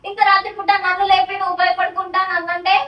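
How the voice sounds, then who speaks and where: A woman's voice: very high-pitched, flat delivery, quick pace, fairly bright tone. A woman, defensively denying and retorting in an argument at home at night. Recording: roomy, distant mic.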